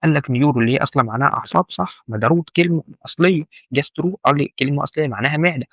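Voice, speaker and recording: Egyptian guy teaching really fast, keeps repeating stuff and asking questions, dead dry sound. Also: a little high, vocal fry, a bit bright, dry recording. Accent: Egyptian Arabic. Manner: colloquial, repeats key points and asks the listener questions. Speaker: medical terminology instructor. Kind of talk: informal explanatory lesson.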